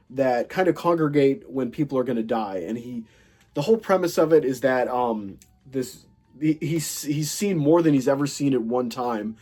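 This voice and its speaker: His mid-range voice has a dark tone and a stuffy, nasal quality from a cold. Enthusiastic and rambling, he hosts a casual chat about his movie collection, showing a film haul with plenty of fillers and false starts.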